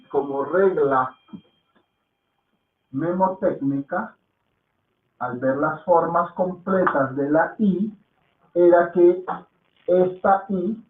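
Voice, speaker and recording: A man teaching a lesson at a slow, deliberate pace, in a slightly high voice for a man. He repeats words again and again to drill pronunciation. The sound is echoey and thin, like a phone line. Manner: checks in with soft "¿mm?" and "¿ok?". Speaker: Hindi teacher.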